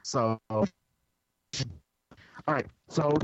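A man's voice: medium pitch, drawn-out words, clear, resonant tone, no echo. A man hosting a casual quiz chat whose voice breaks up over a bad call connection. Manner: chatty, restarts, lively intonation. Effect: choppy, breaking-up call connection. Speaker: podcast host. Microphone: remote call. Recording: dull, dry online call audio.

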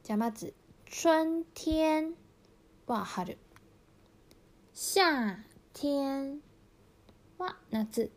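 Female language teacher, slow and measured, fairly high voice, stresses the example words. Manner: calm explanations, with words spoken slowly and stressed high. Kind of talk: language lesson explaining Mandarin to Japanese learners.

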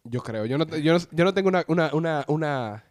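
A man's voice: fairly high pitch, animated, fast talker. A man with a Dominican accent giving slangy, opinionated takes in a casual chat about sports.

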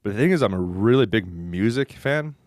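A man's voice: on the low side, animated, brisk, darkish tone, no echo, clean studio sound. A man with a Canadian accent, chatting casually as a podcast co-host, laid-back and swearing freely. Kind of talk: casual chat. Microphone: voice chat headset.

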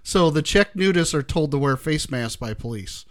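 An easygoing man hosting a casual chat show, his voice sitting a little high for a man. He talks loosely, laughs easily, and moves the talk along to the next topic. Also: animated, normal speed. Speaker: podcast host.

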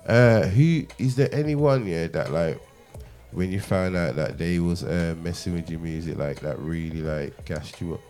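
A man hosting a casual podcast interview, slangy and halting, often repeating himself. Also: deep voice, mellow, faint music behind.

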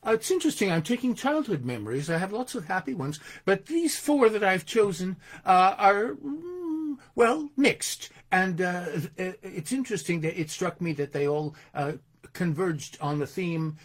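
An older man reading his own poems aloud, expressive and theatrical, with hesitant asides between them. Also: sits high, normal speed. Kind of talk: poetry reading with spoken asides.

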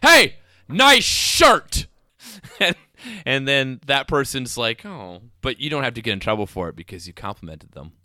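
A man's voice: medium pitch, animated, fast, pushed and bright, dry recording, clean studio sound. A man hosting a casual podcast, joking with his co-hosts and reading plugs loosely with fillers. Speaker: podcast host.

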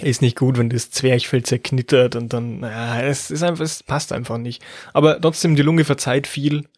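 A man's voice: mid-range voice, steady tone, normal speed, a little mellow, dry recording, clean studio sound. A man co-hosting a comedic podcast, rambling and joking in casual chat. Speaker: podcast host.

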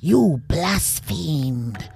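Guy doing high squeaky hobgoblins, bratty and mocking, gravelly edge, bouncy pitch. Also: sing-song, very slow, darkish tone, faint music behind, full character voice. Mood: pompous. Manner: taunting, sing-song teasing. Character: cheeky squeaky hobgoblin gang, mocking and pompous.

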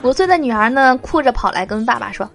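A woman hosting a podcast, reading jokes aloud in a casual, lively way and laughing at her own punchlines. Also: a little high, fast talker, gravelly, very noisy. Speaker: podcast host telling jokes.

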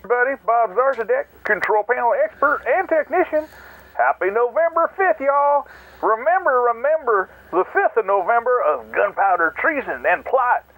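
A man's voice: very high-pitched, very animated, normal speed, fairly bright tone, rough recording. A man leaving a goofy, rambling voicemail message for a show, played back over the phone. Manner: goofy, jokey, self-mocking.

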